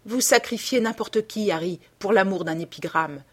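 A woman reading the lines of a playful, teasing duchess in a bantering tone, with a slightly husky voice. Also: medium pitch, normal speed, natural voice.

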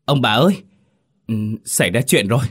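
A man's voice: mid-range voice, animated, brisk, a bit bright, husky, voice pushed up. A man voicing a frightened young male servant who stammers out bad news. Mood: panicked. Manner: trembling, breathless reporting.

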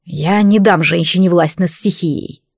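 A woman reading the part of a grim male war god in an audiobook, with a forceful, raised delivery. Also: fairly low pitch, a little slow, creaky, husky, dry recording, clean studio sound, exaggerated voice. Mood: gruff. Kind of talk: audiobook narration.

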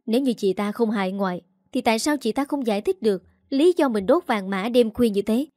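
Woman putting on a shrill accusing young woman. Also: lively intonation, fairly quick, mellow, dry recording, studio quality, close to an everyday voice. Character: angry young woman, sharp-tongued sister-in-law.

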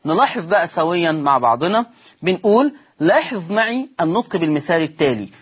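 A man with an Egyptian accent teaching Quran recitation rules on television. He explains step by step, asks questions and answers them himself, and slows into chanting for the examples. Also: on the high side, sing-song, breathy edge. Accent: Egyptian Arabic.

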